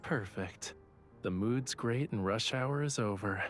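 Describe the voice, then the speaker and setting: Low, teasing young lover Rafayel. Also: male voice, takes it slowly, fairly bright tone. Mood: playful teasing. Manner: teasing, intimate, breathy murmurs. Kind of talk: romance game voice acting. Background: music.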